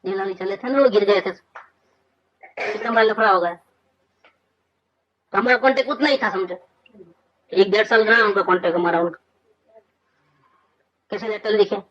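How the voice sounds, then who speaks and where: This male spiritual teacher gives an informal scripture discourse in a conversational way, posing rhetorical questions and then answering them. His voice sits high and is a bit bright, with a moderate pace and frequent pauses. The sound is muffled and lo-fi.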